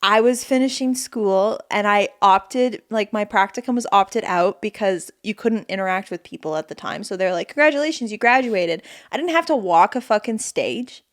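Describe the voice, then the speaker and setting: A woman's voice: animated, moderate pace, hardly any pauses. A young woman co-hosting a podcast in casual, comedic chat, irreverent and sweary as she riffs. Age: young adult. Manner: sweary, irreverent, riffing in mock pitches. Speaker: podcast co-host.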